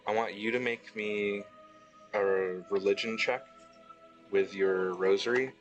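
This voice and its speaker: Low voiced guy dming a dnd game, slow descriptive, music in the background. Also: fairly bright tone, rough recording. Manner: slow, descriptive narration with fillers. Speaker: game master. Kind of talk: narrating a tabletop game.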